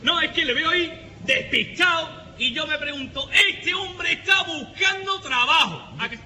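A bossy workshop owner, played by a man in a live comedy sketch, loud and insistent and often shouting. The voice is high and sharp. It rings with a long hall reverb, with faint noise behind it. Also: measured pace, exaggerated voice.

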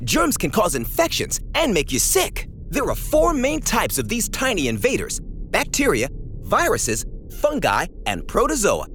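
A woman's voice: medium pitch, wildly swooping pitch, measured pace, faint music behind. A woman playing an upbeat young medical superhero who explains things eagerly in an educational cartoon. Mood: explaining. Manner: enthusiastic, explanatory.

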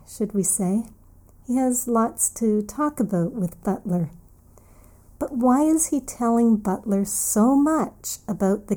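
An English teacher and podcast host gives a vocabulary lesson for learners. Her voice is dark, slow and medium in pitch, and she explains carefully while repeating key words.

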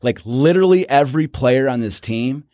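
A man's voice: mid-range voice, expressive, normal speed, mellow, dry recording, studio quality. A man co-hosting a casual sports history podcast, rambling with many restarts. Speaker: podcast co-host.

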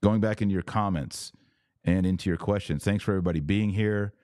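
A low-voiced American man hosts a live religious podcast and answers viewers' questions. He is didactic and emphatic, spelling out every point like a teacher, at a brisk pace with a warm tone. The acoustic is very dry, with no echo.

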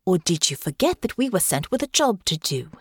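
A woman voicing a blunt, sharp-tongued young woman who speaks tartly and often keeps her voice hushed. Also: fairly low pitch, very animated, brisk, slightly rough, no room sound, clean studio sound. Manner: tart, snappish, hushed.

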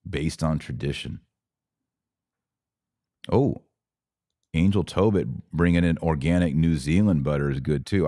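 Warm and low, this man's voice comes through clean, studio-quality audio with no echo. As a podcast host on a casual livestream, he responds to live comments in an informal, emphatic, slang-heavy way.

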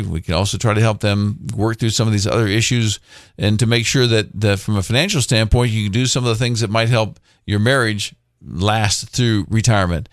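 A man with a fairly low voice, recorded dry and close. He hosts a financial radio show, talking casually and rambling along in a conversational way. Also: no echo. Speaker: radio host and financial advisor.

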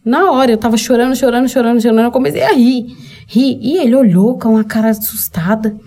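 Brazilian woman, vlog host; warm, soft tone, candid and emotional, talks straight to her audience. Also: on the high side, fast. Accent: Brazilian Portuguese. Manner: candid, emotional, speaks directly to viewers. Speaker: channel host. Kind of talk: personal storytelling vlog.

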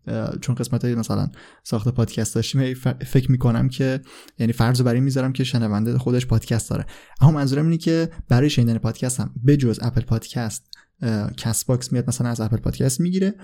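Male podcast host, warm low-toned delivery, relaxed and hesitant, filler-heavy. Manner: relaxed, frequent "uh" fillers, unsure of foreign names. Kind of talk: casual explanatory talk.

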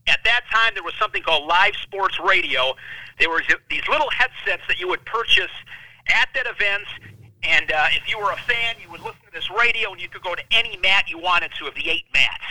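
A high-strung man in his thirties with a high, very bright voice tells his story as a podcast guest. He talks intensely and animatedly, recorded dry and close. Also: fairly quick, dry recording, rough recording. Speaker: wrestling analyst, guest.

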